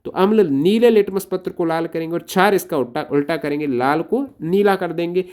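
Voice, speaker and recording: A man's voice: a little high, a little fast, a little mellow, clean tone. A man explaining science exam questions step by step, asking questions and then answering them himself. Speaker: exam-prep teacher.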